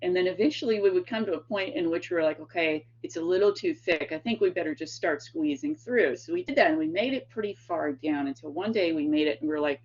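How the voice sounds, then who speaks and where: Speaking low and fast with few pauses and a breathy edge, an East Tennessee-accented guest lecturer and author from that region tells rambling anecdotes in a storytelling lecture. She's chatty, using plenty of fillers and laughing often; the audio is dull lo-fi.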